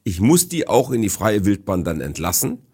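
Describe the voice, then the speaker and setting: A man's voice: on the low side, very animated, normal speed, mellow, slightly rough. A middle-aged man as a podcast guest, talking assertively and in a lecturing, declarative way. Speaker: guest, business speaker. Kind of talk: casual podcast conversation.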